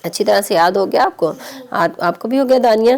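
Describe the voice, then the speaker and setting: A woman's voice: medium pitch, vocal fry, a little mellow, slight background noise. A woman, patiently teaching children on a TV lesson and repeating key points. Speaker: Quran teacher.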